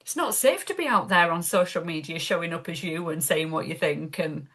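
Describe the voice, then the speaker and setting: A woman's voice: fairly low pitch, lively intonation, fairly quick, a bit bright. A woman with a Yorkshire accent hosting a podcast and coaching business clients, earnest and encouraging in tone. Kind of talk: podcast conversation.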